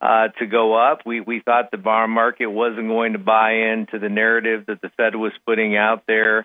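A man with a slightly low voice comes through a thin, phone-like connection with little room sound. He gives financial market commentary for radio in a conversational, somewhat halting way, as an analyst reviewing figures. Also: monotone, dry recording. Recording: tinny, narrow phone-like line.

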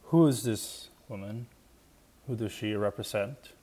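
A man hosting a commentary video, speaking slowly and deliberately. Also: lowish voice, dark tone. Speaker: host.

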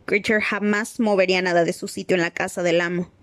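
A woman's voice: lowish voice, steady tone, brisk, dry recording, lightly acted. A grumbling, spiteful old male house-elf, as a woman reader puts him on mutters under his breath and refers to himself in the third person. The storybook reading is dry and close, with no room around the voice. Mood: bitter muttering.

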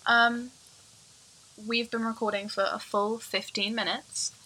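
A woman's voice: fairly high pitch, little pitch movement, unhurried, pushed and bright, slight background noise, poor audio. A young woman co-hosting a casual podcast, teasing and encouraging her friend. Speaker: podcast co-host. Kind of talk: casual chat.

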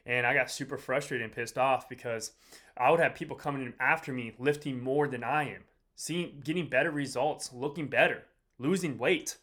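A man's voice: mid-range voice, normal speed, fairly bright tone. Sick, drained man in rambling podcast talk. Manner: slangy, repetitive, rambling direct address. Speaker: podcast host, fitness coach. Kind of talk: casual motivational podcast talk to a live audience.

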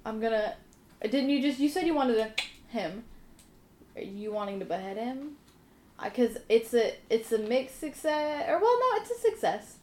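A young woman runs a tabletop game as game master. She narrates casually, swears freely and laughs often. Her voice sits a little high and sounds echoey, with faint noise behind it. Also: normal speed, a little mellow.

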